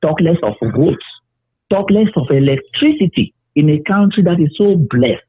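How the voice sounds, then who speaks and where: Male caller, fervent, halting with fillers, husky voice over a tinny phone line. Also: on the high side, expressive, no room sound. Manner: impassioned, halting with many fillers. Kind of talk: phoned-in political comment.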